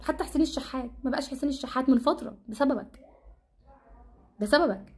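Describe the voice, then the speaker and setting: A woman with an Egyptian Arabic accent giving exasperated, repetitive football commentary in a casual rant. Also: high voice. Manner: exasperated, repetitive, rapid-fire ranting.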